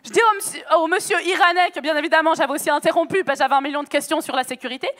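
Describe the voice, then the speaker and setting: A woman preacher telling a lively testimony sermon, chatty and animated, acting out dialogue with bursts of laughter, on a stage microphone in a church hall. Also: high voice, rapid-fire. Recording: long echo of a church hall.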